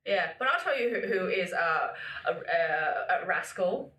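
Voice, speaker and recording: A woman's voice: on the low side, lively intonation, a little slow, fairly bright tone, reverberant, far from the mic. A woman hosting a podcast, teasing and playful, laughing often in casual chat. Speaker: podcast host.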